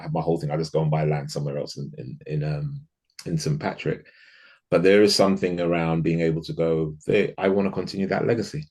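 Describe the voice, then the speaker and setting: A man speaks as a guest in a relaxed interview. His voice sits very low, and he thinks out loud, circling back and restarting his sentences as he goes. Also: slightly rough. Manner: reflective, thinks aloud with frequent restarts. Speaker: podcast guest. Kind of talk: casual interview conversation.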